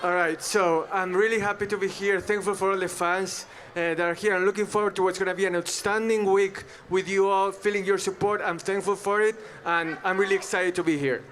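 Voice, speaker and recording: A man's voice: high voice, steady tone, brisk, hardly any pauses, a bit bright. A man interpreting live on stage for an athlete, speaking in the first person.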